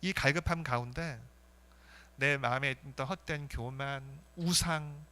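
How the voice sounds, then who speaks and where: A male pastor preaching a sermon in an earnest way, with swings between fervent rises and soft, intense drops. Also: mid-range voice, measured pace, clean tone.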